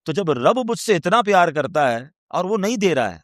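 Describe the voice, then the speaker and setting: A preacher delivers an emotive, rhetorical sermon with great animation, questioning his listeners and swinging between loud, high questions and low, quiet asides. The studio-quality recording has no room sound.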